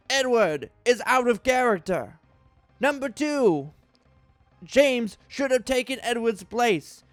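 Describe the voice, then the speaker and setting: A YouTube host with a high-pitched voice reads out a list as a mock dramatic performance, hamming up theatrical outrage. There's no room sound at all.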